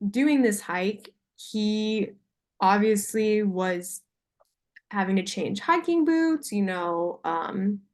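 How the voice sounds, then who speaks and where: On a screen-shared video call, a young adult saleswoman presents to a buyer in a casual, somewhat uncertain way. Her mid-range voice is slow and darkish, with lively intonation.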